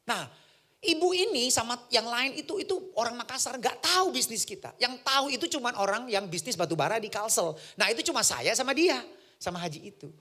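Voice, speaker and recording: A male preacher telling a personal story in a sermon, his pitch leaping up and down with the drama. His voice is bright and forceful, and he slips into the voices of the people in the story. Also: fairly quick. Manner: animated storytelling, acting out voices. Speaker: pastor.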